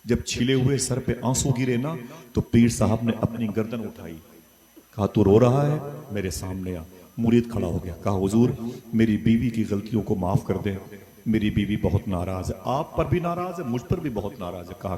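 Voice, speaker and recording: A man preaching a sermon, telling a story with rising passion and bursts of loud dialogue. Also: lowish voice. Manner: impassioned, swells loud on dialogue. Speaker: Islamic preacher. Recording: live crowd gathering. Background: audience murmuring responses.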